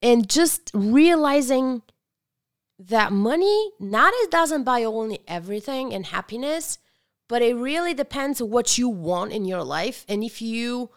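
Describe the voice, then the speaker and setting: A woman's voice: on the high side, lively intonation, measured pace. A woman from Bulgaria, talking as a guest in a casual interview, reflective and earnest, often restarting her sentences.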